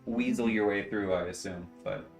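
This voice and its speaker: Brief: man, deep-ish, casual game master, echoey room, faint music. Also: normal speed, vocal fry. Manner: relaxed, filler-heavy narration. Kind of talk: running a tabletop game online. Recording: roomy echo, faint music.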